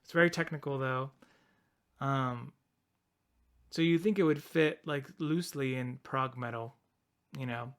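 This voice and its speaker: Casting: male podcast co-host, smooth resonant voice, mid-pitch, loose rambling delivery with frequent laughs. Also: measured pace, pauses often, a bit bright. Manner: rambling, self-interrupting, laughs often. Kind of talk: casual chat.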